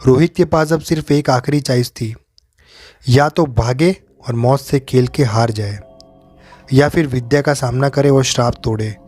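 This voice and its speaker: A man narrating a horror story in a steady, dramatic way. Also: medium pitch, unhurried, faint music behind.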